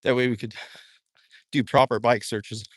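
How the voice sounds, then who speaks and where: A relaxed man with a Southwestern American accent talks casually to his live-stream viewers while walking outside. His voice sits in an ordinary middle pitch and comes across dry and close, with little room sound around it. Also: normal speed, no room sound. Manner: laid-back, chuckles often, joking about his broken Spanish. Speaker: livestream host. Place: outdoors, walking in a dry wash.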